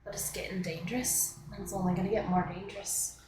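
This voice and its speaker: A woman playing a solemn female adventurer in a tabletop game, speaking slowly and gravely. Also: medium pitch, flat delivery, natural voice. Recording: echoey room, faint noise.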